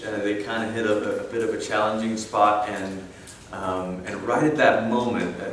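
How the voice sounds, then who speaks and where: With a fairly low, somewhat bright voice, this guest speaker, a Malaysian man in his thirties, shares his personal testimony in a chatty way, stumbling through fillers and restarts. Slight background noise and the echo of a hall, picked up from afar, surround him.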